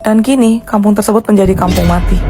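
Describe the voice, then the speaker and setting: A woman's voice: medium pitch, fairly even intonation, fast, music in the background. A woman narrating a ghost story dramatically in a comic skit.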